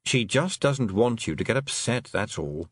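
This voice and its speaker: A man voicing a dry, sardonic talking toad who speaks low and quietly in a deadpan way. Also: normal speed, no echo, lightly acted.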